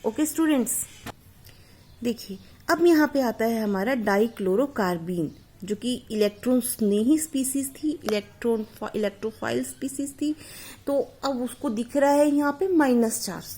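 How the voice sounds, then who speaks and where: A woman's voice: on the high side, moderate pace, mellow. A woman teaching a chemistry lesson, explaining each step and often addressing her students directly. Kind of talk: classroom lecture.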